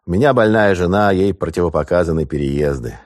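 A man's voice: low voice, brisk, a little mellow, dry recording, studio quality, lightly acted. A man voicing a proud older tsarist general who speaks in a stiff, dignified way, in an audiobook. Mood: guarded.

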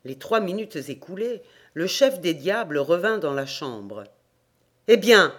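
A man reading folk tales aloud for a free audiobook, in measured, steady scripted narration. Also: fairly high pitch. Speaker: audiobook reader. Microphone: home recording mic.

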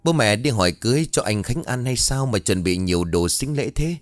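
A naive, cheerful young woman, voiced by a man in a spoken storybook. Her voice is lifted higher and asks eager, questioning lines. The sound is dry with faint music behind. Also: lively intonation, a little fast, dry recording, lightly acted. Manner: bright, questioning, disbelieving.

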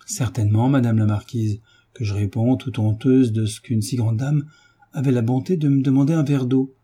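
A man with a dark, husky voice voicing a garrulous young female country maid. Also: mid-range voice, steady tone, moderate pace, natural voice. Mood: chatty. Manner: garrulous, rustic, breathless storytelling.

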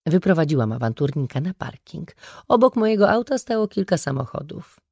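A woman reading a first-person audiobook story with brisk, wry storytelling. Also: deep voice, very animated, a little mellow, husky, no echo, studio quality. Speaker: audiobook narrator. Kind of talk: scripted first-person narration.

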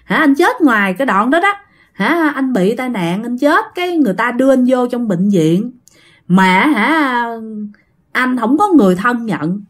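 A woman's voice: fairly high pitch, very animated, a little slow. Woman doing a scornful young male ghost. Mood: mournful. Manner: scornful and rude, then pleading. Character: restless young male ghost possessing a girl.

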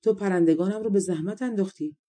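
A proud, scornful fairy queen from a storybook, as a woman narrator puts her on. She gives orders in a dark, mellow voice. Her tone stays haughty and commanding. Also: mid-range voice, natural voice.

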